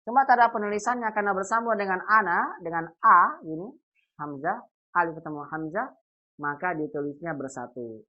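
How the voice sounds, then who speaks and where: Patient male teacher over a lo-fi call. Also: sits high. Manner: patient, repeats example phrases slowly and asks quiz questions. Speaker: Arabic teacher. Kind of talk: online Arabic grammar class. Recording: dull lo-fi online call audio.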